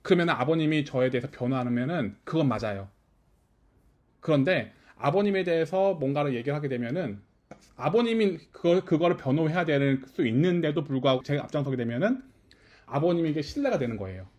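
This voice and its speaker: Lively male pastor, chatty small-church sermon. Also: a little high, fairly quick. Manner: keeps checking with listeners, asking if they follow. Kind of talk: conversational sermon. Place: small house-church service.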